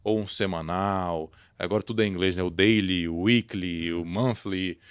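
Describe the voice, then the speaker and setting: A Brazilian man hosts a podcast in a very deep, smooth and resonant voice. He talks in a conversational way. The sound is dry and close. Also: fairly even intonation, normal speed, dry recording. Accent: Brazilian Portuguese. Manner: conversational, affirming with short interjections. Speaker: podcast host. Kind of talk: podcast interview, hosting.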